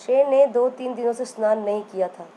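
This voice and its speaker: A woman's voice: on the high side, fairly quick, warm tone, slight background noise, rough recording. A woman teacher telling a story to young children, repeating lines and asking them questions as she goes. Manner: repeats and quizzes the listeners.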